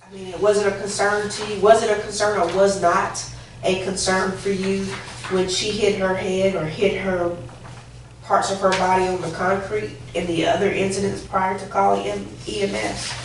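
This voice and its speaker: A woman's voice: mid-range voice, little pitch movement, normal speed. A woman questioning a witness at a formal hearing, probing and repeating questions to confirm answers. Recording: echoey room, distant mic, faint noise.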